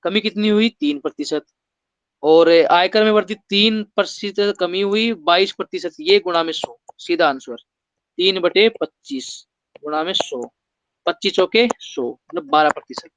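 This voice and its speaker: A man's voice: high voice, measured pace, fairly bright tone, smooth, dry recording. A man teaching an exam-prep maths lesson, explaining step by step and putting rhetorical questions to his students.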